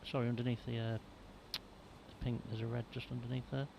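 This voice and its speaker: A man's voice: medium pitch, flat delivery, a little fast, creaky, noisy background. A man giving conversational, slightly hesitant snooker analysis as a co-commentator. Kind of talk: informal live snooker analysis.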